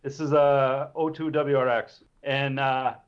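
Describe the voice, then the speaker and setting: A man in his fifties, a rally driver, telling stories in a relaxed, chuckling way. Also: medium pitch, measured pace, smooth. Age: 50s. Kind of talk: casual storytelling. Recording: dull lo-fi recording.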